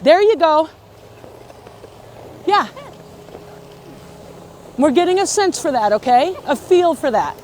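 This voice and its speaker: A woman's voice: high voice, very animated, slow, pauses often, a little mellow. A woman teaching a beginner ski lesson outdoors, instructing step by step in an encouraging way and often checking in with short questions. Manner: frequent checking questions like okay and right. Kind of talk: hands-on beginner lesson talk. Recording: outdoor recording with faint background noise.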